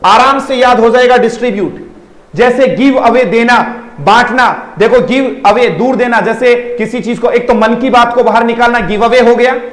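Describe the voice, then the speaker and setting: An Indian man with a high voice teaches English vocabulary to students in an echoey room. He mixes in Hindi, slows down to spell out and repeat words, and keeps asking "are you getting me?". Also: fairly bright tone. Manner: addresses students affectionately as dear children. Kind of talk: online class lecture.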